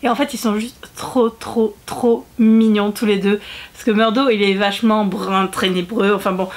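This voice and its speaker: A woman's voice: mid-range voice, fairly even intonation, moderate pace. A woman book vlogger chatting casually to her viewers, talkative, with frequent fillers and self-corrections. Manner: chatty, full of fillers and restarts. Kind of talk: casual chat to camera.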